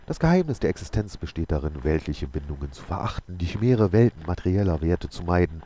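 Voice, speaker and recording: A man's voice: sits low, sing-song, quick pace, dark tone, a little hiss or hum, pitched above the performer's own voice. A man voicing a scrawny, testy male holy man in a read-aloud story, in a raised, peevish voice.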